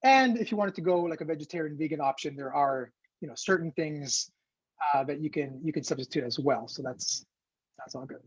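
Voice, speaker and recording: Teaching cooking online over a video call, a man raised in Ecuador rambles loosely and leans on fillers. He speaks fairly quickly in a voice on the high side with a breathy edge, and the recording is dry, with dull, lo-fi call audio.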